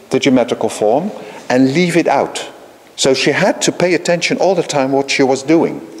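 A man giving a live keynote lecture, talking in a halting way with frequent restarts and repeated words, and checking in with his listeners. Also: medium pitch, a little mellow. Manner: explains patiently, checks in with the audience. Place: conference hall. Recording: long hall reverb.

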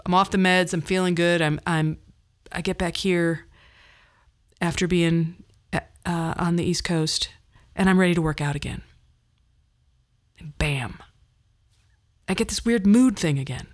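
A woman in her fifties hosts a podcast, telling personal stories conversationally in a candid, wry, self-deprecating way. Her voice is on the low side, a little slow, with frequent pauses.

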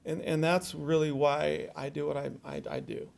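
A man's voice: a little high, flat delivery, moderate pace, vocal fry, a little mellow. A middle-aged man giving a joking, self-deprecating speech at an award reception, often repeating his words. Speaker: award speaker. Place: reception hall with audience.

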